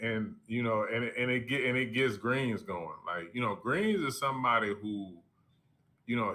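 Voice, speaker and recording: A man talking as a team coach on a live esports broadcast, halting, with many fillers and restarts. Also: on the low side, sharp tone. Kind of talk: casual broadcast interview.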